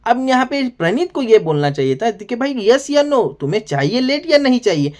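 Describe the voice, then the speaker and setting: A man's voice: extremely high pitch, big pitch swings, moderate pace, darkish tone. A male TV show reviewer talks through an episode recap in a loose, rambling way. He keeps calling the viewer "brother" and drops exasperated asides. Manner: rambling, fills every sentence with "here" and "brother". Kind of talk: casual episode recap and commentary.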